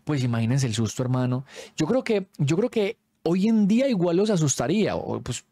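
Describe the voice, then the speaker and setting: Colombian man, casual storyteller, animated and slangy, dark mellow voice. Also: on the high side, normal speed, dry recording, clean studio sound.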